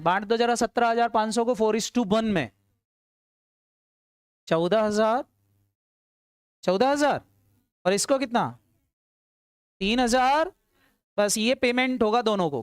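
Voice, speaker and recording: A woman teacher runs an accounts lesson, pressing her students for fast answers and then supplying them herself. Her voice sits a little high and comes across smooth and resonant. The recording is close and dry, with no room sound. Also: no echo. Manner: quizzing students, answering her own questions; urging quick answers. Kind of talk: classroom lecture.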